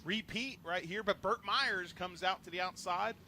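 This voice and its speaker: A man calling a short-track car race from the announcer booth, getting loud and high on restarts and crashes and bantering with his partner between calls. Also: moderate pace, a little hiss or hum. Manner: rises sharply in pitch and volume on restarts and wrecks, joking banter between calls. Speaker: race commentator. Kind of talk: live race commentary.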